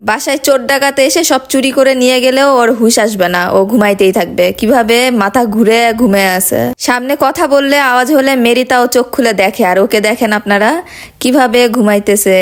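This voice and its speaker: A woman chatting gently to her pet cats and her viewers in a coaxing tone. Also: a little high. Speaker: pet owner vlogger. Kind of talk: casual chat to pets and viewers.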